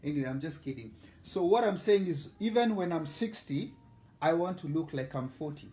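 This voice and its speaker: A man's voice: on the high side, expressive, moderate pace, warm tone, roomy sound. A man in his forties with a Kenyan accent, hosting a casual live cooking vlog in a chatty, boastful way and greeting viewers by name. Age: 40s. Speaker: host.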